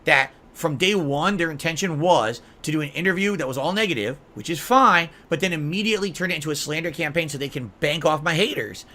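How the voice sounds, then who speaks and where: A man's voice: on the high side, a little fast, few pauses, bright, forceful tone. A man livestreamer on an unscripted, agitated and indignant rant to his viewers, swearing heavily.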